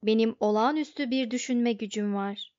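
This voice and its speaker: A woman voicing a depressed male robot who speaks in a flat, hopeless monotone. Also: fairly high pitch, moderate pace, dry recording, natural voice. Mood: gloomy. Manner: flat, hopeless, sulky delivery. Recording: dull, dry lo-fi recording.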